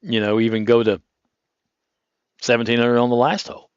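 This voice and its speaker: Male golf commentator, mid-pitched, conversational and anecdotal. Dull, close and dry audio. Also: fairly even intonation, fairly quick, smooth, dry recording. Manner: chatty, anecdotal, rambling.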